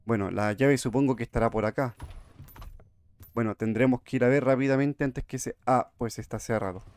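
A man's voice: medium pitch, steady tone, brisk, a little mellow, no echo. A man giving jumpy, chatty horror game commentary, talking to his viewers. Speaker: gamer streamer.

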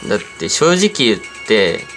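While playing, a man keeps up relaxed, rambling commentary, mostly talking to himself. His voice is lowish and very animated, at a normal speed. Music plays clearly beneath him.

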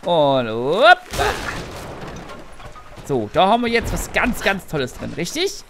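Joking let's play man, lively voice. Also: high-pitched, fairly quick, creaky, background noise. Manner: joking, rambling, mock-angry. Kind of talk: gaming commentary.

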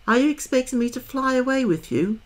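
Gentle grown woman voiced by a woman reader, wistful, soft-spoken, storybook reading. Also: high-pitched, expressive, a little fast, pitched above the performer's own voice. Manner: soft and apologetic.

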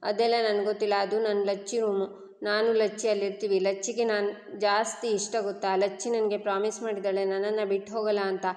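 A woman's voice: medium pitch, flat delivery, fairly quick, a little mellow, natural voice. A woman voicing a stubborn young woman who behaves like a child and pleads. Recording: roomy reverberant room.

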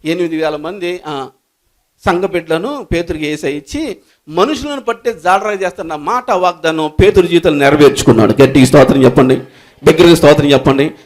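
A man, a pastor, preaching a sermon with rising bursts and repeated calls for praise. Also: fairly bright tone. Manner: low murmured prayer. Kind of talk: Telugu sermon with prayer.

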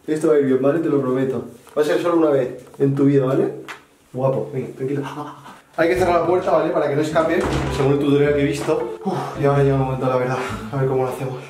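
A man's voice: medium pitch, steady tone, fast talker, a little mellow, far from the mic, a little hiss or hum. Young man coaxing his cat, echoey bathroom. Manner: coaxing, soothing talk to a pet, with sudden pleading outbursts. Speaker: vlogger. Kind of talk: casual vlog commentary. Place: home bathroom. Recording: roomy echo, away from the mic, music behind.

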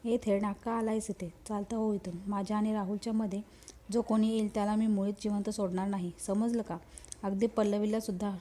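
A woman's voice: medium pitch, flat delivery, a little fast, dark tone, natural voice. A woman voicing a vengeful, possessive female ghost, by turns menacing and mournful, in a storybook reading.

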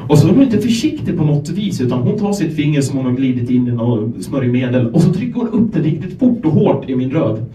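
A young Swedish man from Gävle doing a stand-up set, telling self-deprecating stories in a deadpan way and acting out the people in them. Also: on the high side, hardly any pauses. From Sweden, Gävle. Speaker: stand-up comedian. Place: comedy club stage. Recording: echoey club room, voice from a distance.

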